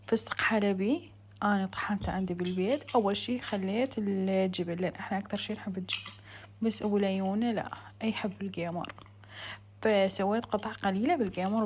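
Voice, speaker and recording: A woman vlogger speaks in a southern Iraqi Arabic accent, at a middling pitch. She narrates her home cooking casually and chattily, addressing her viewers as friends. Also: brisk, darkish tone, husky. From Iraq. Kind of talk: casual vlog voice-over.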